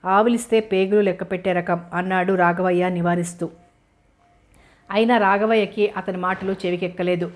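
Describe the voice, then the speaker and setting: A woman narrating a novel in a steady storytelling manner. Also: fairly low pitch, moderate pace. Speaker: audiobook narrator. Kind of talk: scripted narration.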